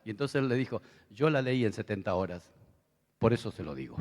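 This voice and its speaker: A man's voice: on the low side, animated, fairly quick. A middle-aged man with an Argentine accent, preaching a sermon in a conversational style with asides to the audience. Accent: Argentine Spanish. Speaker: pastor. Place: large convention hall. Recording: long reverb of a big hall.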